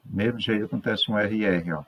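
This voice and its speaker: A Brazilian man teaching a third-grade class, correcting exercises patiently, sounding words out slowly and checking in with his pupils. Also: fairly low pitch, a bit bright. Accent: Brazilian Portuguese. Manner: slow, stretches out words syllable by syllable.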